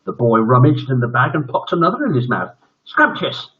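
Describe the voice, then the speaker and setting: Fast and very animated, his husky voice sits at a medium pitch. He's a British man in his seventies reading tales and chatting casually on a bedtime story stream, captured in dull, lo-fi livestream audio.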